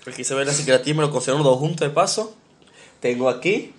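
A man's voice: mid-range voice, quick pace, a loud crowd. A young man with a Venezuelan accent, co-hosting a podcast and telling childhood stories in casual chat, acting out sounds and cries as he goes. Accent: Venezuelan Spanish. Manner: animated storyteller, acts out sounds and cries. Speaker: podcast co-host.

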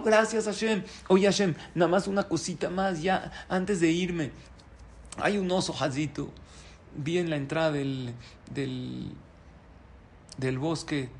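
A man's voice: on the high side, vocal fry, a little hiss or hum. A man voicing a weary, sad man who pleads with God in a parable. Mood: grateful. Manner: earnest, pleading storybook voice.

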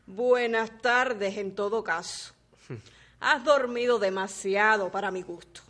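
A woman's voice: mid-range voice, takes it slowly, fairly bright tone. An actress playing a stern adult woman who scolds a young man for sleeping late. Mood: reproachful.

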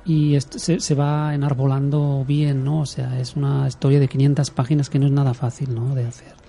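Very dark-voiced interviewer man. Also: medium pitch, level tone, gravelly, a little hiss or hum. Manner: halting questions with many restarts. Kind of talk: casual interview.

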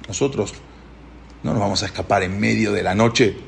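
A man doing a hushed calm prophet. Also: normal speed, gravelly, slight background noise. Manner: soothing, low and hushed. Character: calm steady prophet, adult man, unhurried.

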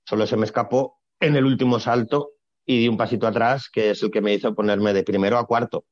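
A man, a retired gymnast explaining his career in a relaxed, blunt, colloquial way during a casual interview. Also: fairly low pitch, a little fast, no echo. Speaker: retired Olympic gymnast, guest. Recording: dry, slightly dull sound.

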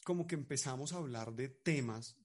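Colombian man, young coach, casual storytelling, animated delivery, pitch jumping about as he plays the people he quotes. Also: moderate pace. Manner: animated, acts out quoted voices. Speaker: relationship coach.

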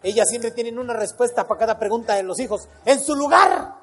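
Husky Mexican stand-up comedian, swearing. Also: male voice, very high-pitched, a bit bright, faint music behind. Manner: crude, swearing, rapid storytelling.

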